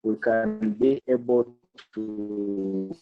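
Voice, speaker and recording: A man's voice: fairly low pitch, soft background music. Man on a glitchy, breaking call line. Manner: halting, with many fillers and restarts. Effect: glitchy breaking call audio. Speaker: discussion participant. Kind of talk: explaining in an online group discussion. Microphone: video call. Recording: dull lo-fi call audio, breaking up.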